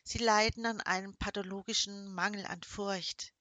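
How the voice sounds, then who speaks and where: A woman's voice: medium pitch, fairly even intonation, normal speed, bright, forceful tone, no room sound, natural voice. A woman voicing a smug, menacing middle-aged nobleman with a silky, mocking, condescending manner. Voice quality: croaking when pained.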